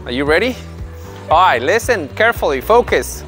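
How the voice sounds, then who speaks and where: A fairly high-voiced man in his thirties narrates an instructional video of the children's tennis lesson he's coaching on a big indoor court with faint music behind him. His delivery is sing-song, a bit bright and at normal speed as he explains drills to parents and cheers the kids on with commands.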